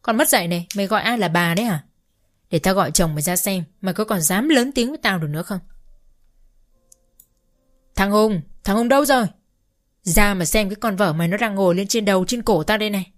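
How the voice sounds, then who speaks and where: This is a foul-mouthed older village mother-in-law who scolds and wails with abuse, put on by a woman narrator. She speaks at an ordinary pitch. The character comes from a spoken storybook. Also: brisk, pauses often, close to an everyday voice. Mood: angry scolding. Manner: crude, abusive shouting.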